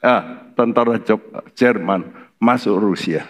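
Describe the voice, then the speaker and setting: A man's voice: lowish voice, slow pace. An older man with a Javanese accent preaching a sermon in church, telling folksy stories and acting out the voices in them. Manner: folksy storytelling, acts out voices in his stories. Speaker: pastor.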